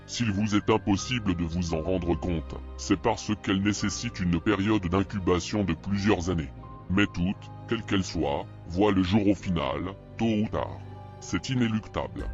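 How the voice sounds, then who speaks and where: A man reads scripted horror fiction as a narrator, in a solemn, measured manner. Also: low voice, a little mellow. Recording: dull lo-fi recording with music. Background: music.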